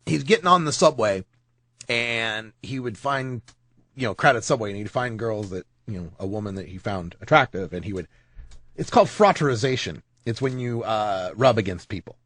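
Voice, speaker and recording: A man's voice: on the low side, lively intonation, moderate pace, fairly bright tone, no echo. A man hosting a podcast, rambling and joking through news stories with frequent laughs. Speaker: podcast host. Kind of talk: casual news commentary.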